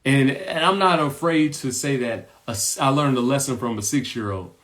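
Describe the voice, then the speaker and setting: An adult man of ordinary pitch shares a personal story as a motivational lesson on his podcast. He speaks earnestly, circles back to repeat his points, and keeps checking in with the listener. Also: normal speed, fairly bright tone. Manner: earnest, repeats points and tags lines with "right?". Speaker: podcast host.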